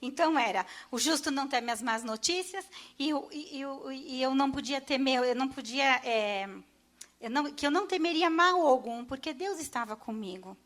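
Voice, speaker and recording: A middle-aged Brazilian woman giving an emotional personal testimony in a church, halting and restarting as she speaks. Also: sits high, fairly bright tone.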